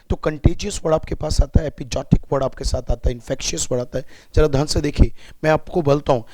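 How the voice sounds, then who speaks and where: A man's voice: medium pitch, warm tone, dry recording. Indian man teaching English vocabulary. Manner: explains words step by step, asks students to repeat. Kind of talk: vocabulary lesson.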